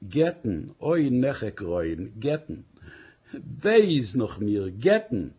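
A husky-voiced man voicing a grieving, tearful young wife who pleads in a slow, drawn-out lament. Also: fairly low pitch, very animated, darkish tone, exaggerated voice.

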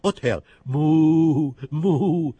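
A man voicing a slow, matter-of-fact gray cow, mooing in long drawn-out sounds. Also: mid-range voice, sing-song, darkish tone, breathy edge, dry recording. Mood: lowing.

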